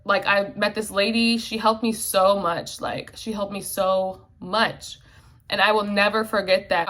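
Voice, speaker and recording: In a casual vlog, a woman in her twenties speaks candidly in a mid-range, fairly bright voice, full of fillers and swearing. She's emotional and at times close to tears.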